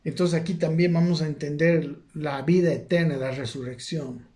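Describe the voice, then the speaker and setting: A man's voice: on the high side, fairly even intonation, moderate pace, dark tone. Man preaching a Bible study, conversational. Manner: conversational, asks "¿no?" again and again, many restarts.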